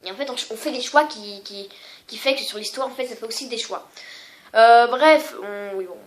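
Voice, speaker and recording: Une femme qui présente ses jeux vidéo sur un ton décontracté, en hésitant souvent et en se moquant d'elle-même. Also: female voice, fairly high pitch, normal speed. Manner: rambling, many fillers and self-mocking asides. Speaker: gaming vlogger. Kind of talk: casual video game showcase.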